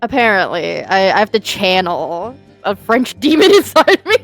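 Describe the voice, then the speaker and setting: A woman's voice: mid-range voice, big pitch swings, moderate pace, faint music behind. A woman casually chatting while co-hosting a game let's play, giggly and self-deprecating. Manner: quiet, scripted outro. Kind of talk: casual gaming chat.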